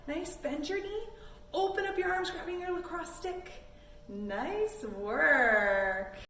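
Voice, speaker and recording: A woman from Canada with a very high-pitched, sharp-toned voice runs a children's yoga session with storytime. She speaks slowly with lively intonation, offering encouraging, simply worded instructions. The audio is roomy, with a distant mic and faint noise.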